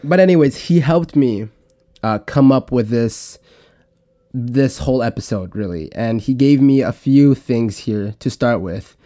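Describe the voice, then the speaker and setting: Mellow-voiced young man hosting a podcast. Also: medium pitch, a little slow. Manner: relaxed, rambling, with restarts. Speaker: podcast host. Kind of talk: casual solo podcast talk.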